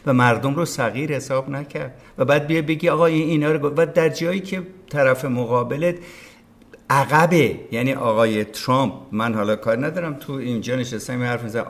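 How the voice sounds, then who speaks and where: A man, a veteran broadcaster, talking as a podcast guest in casual conversation, emphatic and opinionated, often acting out what others said. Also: medium pitch. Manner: emphatic, opinionated, acts out quoted speech.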